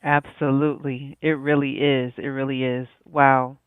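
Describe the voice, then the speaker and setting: A man's voice: mid-range voice, level tone, measured pace, clear, resonant tone, dry recording. A man hosting an interview, affirming and encouraging his guest. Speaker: podcast host. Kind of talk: conversational interview. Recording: dry, tinny phone-like line.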